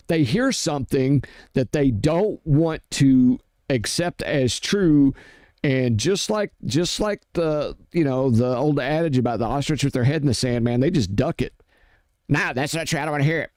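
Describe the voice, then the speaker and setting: A man's voice: mid-range voice, animated, normal speed, a little mellow, dry recording. Man, casual rant, blunt and swearing, dry close sound. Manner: blunt and profane, heated; acts out both sides of arguments in quotes. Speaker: streamer ranting on workplace issues.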